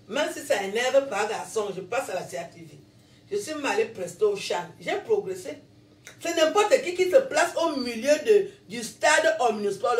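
A woman's voice: fairly high pitch, reverberant, recorded from a distance. A woman with a Cameroonian French accent, ranting to her followers, scolding and repeating herself, laughing between lines. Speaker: social media personality. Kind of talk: self-filmed rant to followers.

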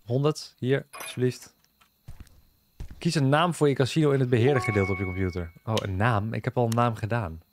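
A man's voice: medium pitch, a little fast, background noise. A man casually commentating on a game he is playing, joking and bantering with the characters on screen. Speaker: gaming video host. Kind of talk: casual let's-play commentary.

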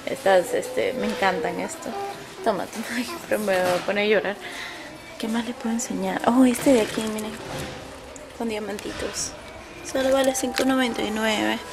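A woman's voice: medium pitch, fairly even intonation, moderate pace, music in the background. A woman with a Peruvian accent, chatting through a casual shopping vlog and gushing over bargains. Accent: Peruvian Spanish. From Peru. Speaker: vlogger. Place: indoor discount store.

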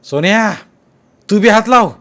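A man shouting as a bossy village headman. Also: high-pitched, expressive, moderate pace, voice pushed up. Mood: shouting orders. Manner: loud commanding shouts, strained.

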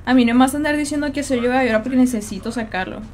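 Greeting and teasing her viewers, a young Mexican streamer keeps up fast, slangy banter with a Spanish flavor while playing a game live. Her voice is high, and a faint hiss of noise lies underneath the casual chat.

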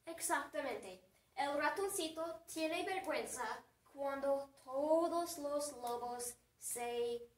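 A woman teacher with a fairly high voice reads a story slowly and deliberately, repeating key phrases and quizzing her class. She is heard from a distance in a room with noticeable echo. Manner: slow, deliberate and repetitive. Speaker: language teacher. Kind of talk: storytelling lesson with questions to the class. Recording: echoey room, away from the mic.

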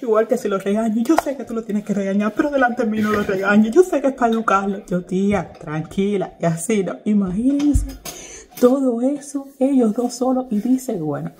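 A woman's voice: a little high, brisk, a little mellow. A young woman vlogger telling a story casually to her viewers, chatty and laughing often as she acts out what people said.

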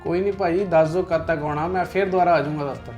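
An insistent Punjabi businessman, played by a man, who won't let his money go. His voice sits high and races along. Faint music runs underneath. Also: steady tone, a little mellow, lightly acted. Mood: pleading. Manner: insistent, quick to anger. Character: aggrieved male businessman, hot-tempered creditor. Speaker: client owed an order. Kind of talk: web drama acting.

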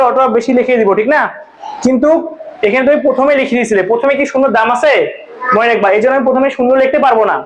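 High-voiced man tutoring a class. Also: echoey room, slight background noise, poor audio. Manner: questioning students, repeating answers. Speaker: math tutor. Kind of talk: classroom teaching. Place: tuition classroom.

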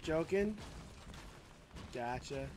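A man's voice: a little high, expressive, drawn-out words, background noise. An American man from Massachusetts chatting casually as he streams gameplay. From Massachusetts, USA. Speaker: game streamer. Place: small indoor room.

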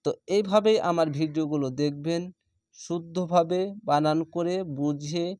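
A man teaching Quran reading, spelling out each syllable and then stretching the whole word slowly. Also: a little high, fairly even intonation, a little mellow, dry recording, studio quality. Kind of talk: step-by-step spelling lesson.

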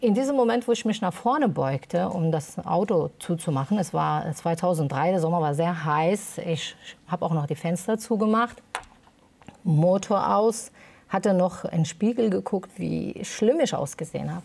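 A woman's voice: lowish voice, expressive, moderate pace, creaky, darkish tone. A woman giving a personal testimony in an interview, hesitant and emotional, with many fillers. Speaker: interview guest.

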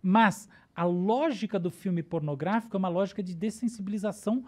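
A woman with a Brazilian Portuguese accent, appearing as a neuroscientist guest on a podcast, explains ideas casually in a mellow, medium-pitched voice at a slightly fast pace. She keeps checking in with "tá?" and "né?".

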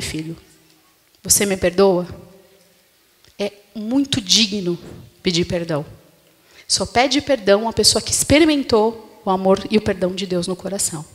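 A Brazilian woman pastor preaching to her congregation at a middling pitch, in a plain and conversational tone. She keeps asking the room short tag questions. Her voice carries a long church-hall reverb. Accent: Brazilian Portuguese. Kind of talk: sermon.

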